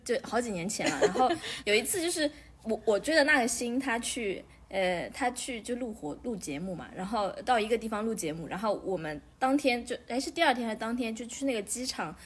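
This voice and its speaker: A woman's voice: fairly high pitch, lively intonation, brisk, slightly rough. A woman telling a long story in casual chat, rambling with many restarts.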